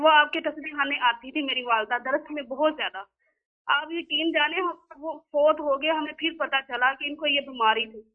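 A woman calling in over a crackly, unclear phone line, speaking earnestly and pleading, often repeating herself. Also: high-pitched. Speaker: caller. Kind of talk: phone-in call to a spiritual guide.

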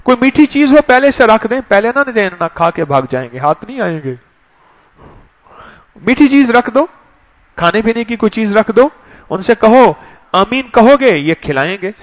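A man's voice: high-pitched, sing-song. A man preaching an emotional sermon, repeating phrases and reciting verses. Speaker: religious speaker. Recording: dull lo-fi recording.

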